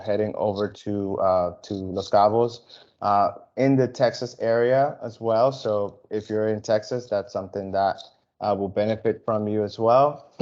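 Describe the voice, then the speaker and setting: A man from the Dominican Republic giving an airline sales webinar over a video call, halting and full of fillers and restarts. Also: lowish voice, darkish tone, lo-fi sound. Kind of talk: webinar presentation.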